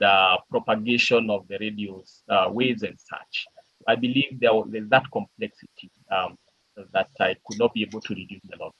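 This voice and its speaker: A man's voice: on the low side, pushed and bright, husky, no echo. A man answering questions about his work after a presentation, hesitant and full of fillers. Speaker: challenge participant. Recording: dull lo-fi call audio.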